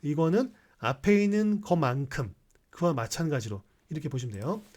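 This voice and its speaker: A man's voice: on the high side, very animated, moderate pace, a little mellow. A male English teacher explaining sentences in a recorded class, reading English lines aloud between explanations and often checking with rhetorical questions.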